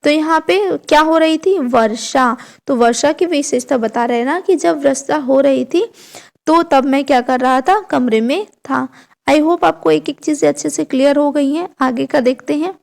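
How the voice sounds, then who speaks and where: A young woman with a high, creaky, somewhat dark voice teaches grammar online to exam students. She works through it step by step, poses questions to herself before answering them, and mixes English words into her speech.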